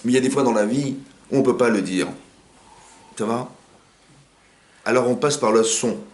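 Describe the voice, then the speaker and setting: A man who is a rabbi giving an informal Torah class in a private home, talking quickly and firing rhetorical questions at his listeners. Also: mid-range voice. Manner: rapid, animated, asks the audience rhetorical questions. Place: living room of a private home. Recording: roomy home recording.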